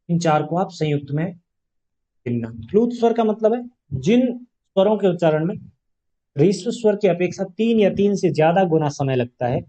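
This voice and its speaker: Male grammar teacher, fairly high and mellow voice, patient classroom explainer who poses rhetorical questions; dull lo-fi recording.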